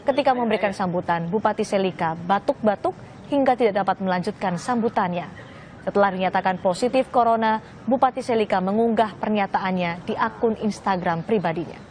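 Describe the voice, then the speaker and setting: A woman's voice: medium pitch, a little fast, darkish tone, slight background noise. A woman delivering scripted news narration as a reporter.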